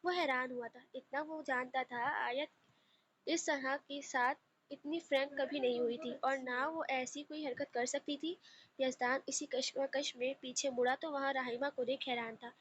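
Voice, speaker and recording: A woman narrating a romantic family novel in a steady, expressive storytelling voice. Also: sits high, moderate pace. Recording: slightly muffled lo-fi audio with faint noise.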